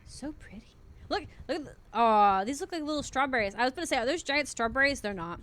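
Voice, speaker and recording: A woman's voice: sits high, animated, quick pace, a bit bright. A woman giving casual, chatty commentary as she streams a game. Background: game music.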